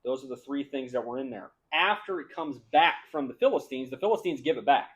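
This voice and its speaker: A man's voice: medium pitch, expressive, a little fast, fairly bright tone, lo-fi sound. A man teaching a conversational Bible lesson, explaining the story casually and reading scripture passages aloud with rising emphasis.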